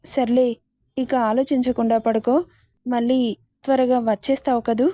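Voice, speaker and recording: A woman's voice: fairly high pitch, flat delivery, moderate pace, mellow, no room sound, natural voice. A woman voicing a loving young husband who pleads tenderly with his wife in a storybook reading.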